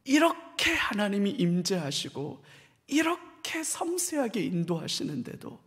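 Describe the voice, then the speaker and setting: A high-voiced male pastor preaches a midweek Bible lecture, telling the story with lively humor and dropping now and then to hushed asides. His voice rings through the long reverb of a large church hall. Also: unhurried.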